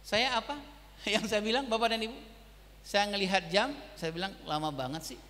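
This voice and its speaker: High, bright man speaking in an echoey hall. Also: normal speed, slight background noise. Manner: addresses the audience as fathers and mothers again and again; storytelling, acts out dialogue in his own voice. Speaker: parenting speaker. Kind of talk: parenting seminar talk. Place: school hall. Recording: reverberant hall.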